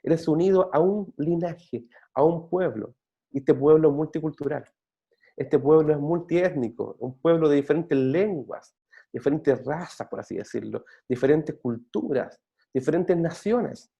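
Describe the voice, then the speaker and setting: A Chilean pastor preaches an earnest sermon in church, then closes in prayer, speaking a little slowly in a high-leaning voice with vocal fry and a breathy edge. The recording is muffled, and his steady preaching is marked by frequent restarts and fillers.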